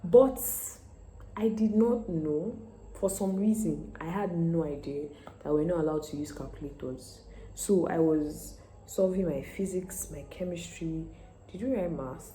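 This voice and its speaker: A Nigerian woman in her twenties telling a story in a casual vlog, animated and quick to laugh, acting out the people in it. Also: fairly low pitch, echoey room, slight background noise, low-quality recording. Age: 20s. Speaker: medical student vlogger.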